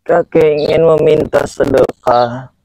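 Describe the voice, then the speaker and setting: A man's voice: fairly high pitch, fairly even intonation, slow pace, gravelly, warm tone, dry recording, low-quality recording. A young man playing a mysterious old beggar grandfather, stern and righteous, speaking in a solemn, declamatory way in a school drama. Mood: calm. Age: young adult. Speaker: student actor.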